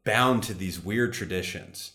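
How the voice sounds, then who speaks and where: A man's voice: lowish voice, unhurried, bright, forceful tone, echoey room. A man casually explaining ancient mythology in conversation, thoughtful and full of "like". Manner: thoughtful, adds context, frequent "like".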